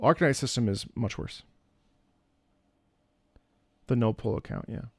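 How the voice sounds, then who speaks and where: A male streamer talks loosely with his viewers from indoors at home, airing opinions in a rambling way and frequently restarting or repeating himself. His mid-range voice is husky and darkish with vocal fry, at a measured pace. The recording is dry.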